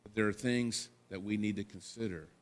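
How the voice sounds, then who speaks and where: A man's voice: on the low side, steady tone, a little fast. Man preaching in a conversational way. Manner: conversational preaching with rhetorical questions and asides. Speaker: pastor. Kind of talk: sermon.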